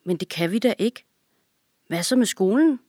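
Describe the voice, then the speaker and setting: A woman's voice: mid-range voice, animated, dry recording, clean studio sound, natural voice. Halima, an earnest young girl, read by a woman. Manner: earnest, a little sharp. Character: eager, dutiful schoolgirl, worried.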